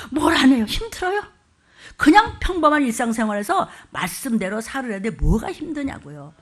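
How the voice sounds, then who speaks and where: Woman pastor preaching fast, fiery n scolding, bossy shouts here and there. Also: on the high side, breathy edge. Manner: fervent, scolding, commanding, with sudden loud outbursts. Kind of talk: sermon.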